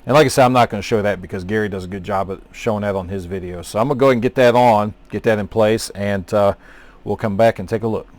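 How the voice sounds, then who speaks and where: Relaxed low-voiced man with a mellow tone. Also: fast. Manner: relaxed, rambling with many fillers. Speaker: scale model builder. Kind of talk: casual hobby tutorial narration.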